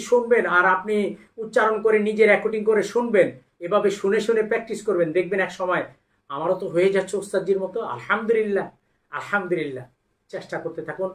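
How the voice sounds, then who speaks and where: Brief: male Quran tutor, bright voice, slow drilled syllables, echoey room a little off-mic. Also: high-pitched, far from the mic. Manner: slow drilled syllables, then gentle encouragement. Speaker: Quran reciting teacher. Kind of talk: Quran spelling lesson.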